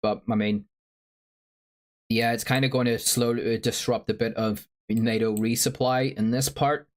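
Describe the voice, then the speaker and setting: A man's voice: mid-range voice, fairly even intonation, moderate pace. A man with a sore throat, livestreaming casual commentary and reading out viewer chat in a rambling, filler-heavy way. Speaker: stream host.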